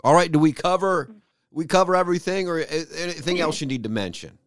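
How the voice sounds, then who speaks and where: A man's voice: fairly high pitch, fairly quick, dry recording, studio quality. A man hosting a local radio interview, chatty and loose, restarting his sentences as he talks. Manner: friendly, loose and chatty with repeated starts. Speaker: radio host.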